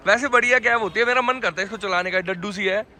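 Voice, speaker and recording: A man's voice: sits high, fast talker, pushed and bright, slight background noise. A man vlogging in casual chat outdoors, teasing and joking with his companion.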